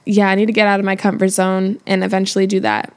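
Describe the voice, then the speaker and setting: A woman's voice: mid-range voice, little pitch movement, fast talker, darkish tone. A young woman chatting as a guest, upbeat and full of fillers, laughing often. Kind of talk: casual interview chat. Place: studio in Los Angeles area.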